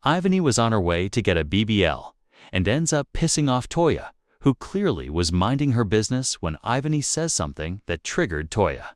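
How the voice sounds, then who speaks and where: A man's voice: on the low side, big pitch swings, normal speed, dry recording, clean studio sound. A man narrating celebrity gossip for his show in a wry, teasing way.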